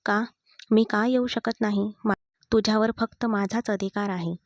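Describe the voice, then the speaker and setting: Woman voicing a jealous young husband, insistent, even pitch, dry sound. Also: moderate pace, dry recording, close to an everyday voice. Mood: possessive. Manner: insistent and demanding.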